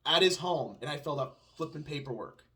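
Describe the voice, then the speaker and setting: A podcast co-host with a pronounced Southern US twang rants sarcastically at home in a casual chat with his wife, answering his own mock questions. His voice is a little high, bright and forceful, with lively intonation and a fairly quick pace.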